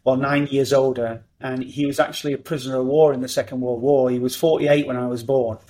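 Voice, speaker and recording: A middle-aged man, talking as a podcast guest in an animated, upbeat way. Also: medium pitch, brisk. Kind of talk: conversational interview.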